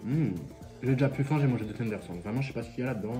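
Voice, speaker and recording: Young man, French accent, rapid speech, dark mellow tone, soft guitar underneath. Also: medium pitch. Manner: chatty, sassy, swears freely, talks with mouth full. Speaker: vlogger reacting to viewer stories. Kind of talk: casual reaction vlog while eating.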